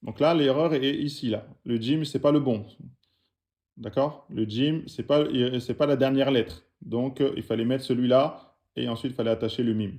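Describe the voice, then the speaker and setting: Here the Arabic alphabet lesson for a French-speaking audience comes in a steady, mid-range male voice with a darkish tone at normal speed. The man patiently corrects written work and spells each letter and vowel aloud.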